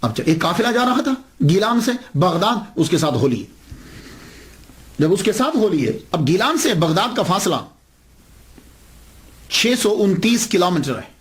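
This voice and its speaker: A man delivers a sermon as a story, in a voice pitched high for a man. He leans on rhetorical questions and swings his pitch for emphasis. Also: very animated, a little slow, long pauses. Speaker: preacher.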